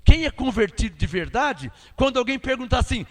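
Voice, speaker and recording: Male preacher, Brazilian Portuguese accent, very high voice, rhetorical questions. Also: very animated, a little fast, big-room sound. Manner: emphatic, rhetorical questions, swings from loud to quiet. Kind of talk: sermon.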